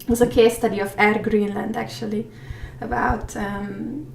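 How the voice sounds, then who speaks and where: A woman in her thirties from Hungary, a guest in a casual interview, reflective and soft-spoken, often trailing off quietly. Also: fairly high pitch, flat delivery, normal speed, creaky, slight background noise. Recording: echoey room, mic at a distance.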